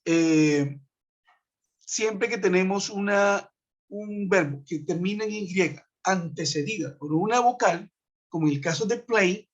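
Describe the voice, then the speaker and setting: A man teaching an English grammar class over a web conference, patiently walking through each rule step by step and checking in with his students. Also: sits high. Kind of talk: online class explanation. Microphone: web conference computer mic. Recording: dull lo-fi web conference audio.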